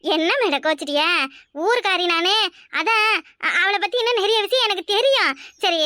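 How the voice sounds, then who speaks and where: A woman's voice: no echo, clean studio sound. A woman voicing a nosy village gossip. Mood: tattling. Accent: Kanyakumari Tamil. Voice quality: high, bright, quick cartoon voice. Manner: prying, tattling, eager to inform. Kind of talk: cartoon voice acting.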